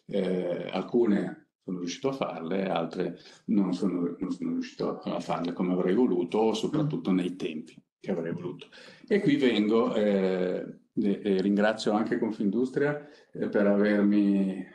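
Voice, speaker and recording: A middle-aged man presenting a project on a panel, speaking off the cuff in a halting, conversational way with frequent pauses. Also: deep voice, dark tone. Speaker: company innovation director presenting a project. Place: conference room seated at a panel table. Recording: echoey conference room.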